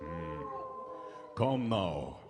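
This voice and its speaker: Sinister vampire count, very low, slow, courteous, menacing, live radio drama. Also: male voice, animated, heavy background noise, full character voice. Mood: sinister courtesy. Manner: slow, formal, ominously polite delivery. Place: large hall stage, live broadcast. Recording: live theatre hall, long reverb.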